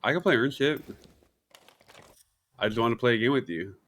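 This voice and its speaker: A man's voice: mid-range voice, lively intonation, brisk, fairly bright tone. A man on a voice call with a friend, chatting casually, bickering and frustrated with his game. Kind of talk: casual chat over voice call.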